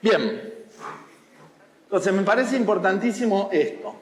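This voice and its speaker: With a high-sitting voice, lively intonation, and an unhurried pace, a watercolor teacher from Argentina addresses students, his words carrying the sound of a big room. He speaks with a Rioplatense Spanish accent, explaining patiently, teasing occasionally, and checking that the class is following along in the school hall.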